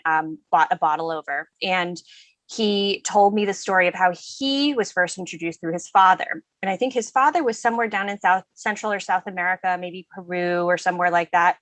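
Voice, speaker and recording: A woman guest in a casual podcast interview, an animated storyteller who often restarts her phrases. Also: lowish voice, moderate pace, no echo. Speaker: spirits company founder, guest.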